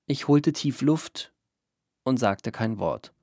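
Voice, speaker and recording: A man narrating a first-person story in a calm, even storytelling manner. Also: mid-range voice, slow, gravelly, no room sound, clean studio sound. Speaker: audiobook narrator.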